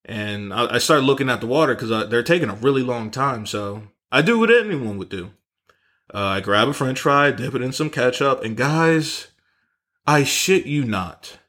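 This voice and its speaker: A man hosting a podcast, telling a comic story in an animated, profane way and often correcting himself. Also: mid-range voice, normal speed. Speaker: podcast host. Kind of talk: comedic storytelling monologue.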